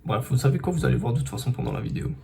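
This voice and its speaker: Male tech vlogger, mid-pitched and warm, talking through an unboxing on a phone, loose and chatty. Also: lively intonation, racing, gravelly. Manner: chatty, with many fillers and restarts. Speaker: tech reviewer. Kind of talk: casual unboxing review. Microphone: phone camera.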